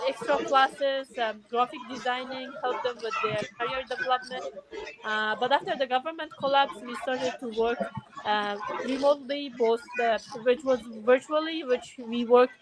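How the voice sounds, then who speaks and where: A woman's voice: a little high, background noise. Earnest young woman from Afghanistan. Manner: earnest, many fillers. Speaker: podcast guest, activist. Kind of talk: casual interview talk.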